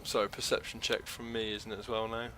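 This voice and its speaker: A man's voice: on the low side, flat delivery, a little fast, bright, forceful tone, a little hiss or hum. A man playing a tabletop game, chatting casually and joking with the table. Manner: chatty, joking, laughs often. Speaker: player.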